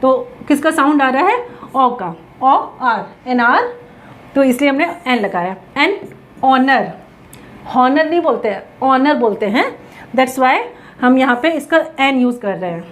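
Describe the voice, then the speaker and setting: A woman's voice: high voice, lively intonation, unhurried. A woman teaching English grammar in Hindi mixed with English, asking questions and answering them herself as she writes on a board.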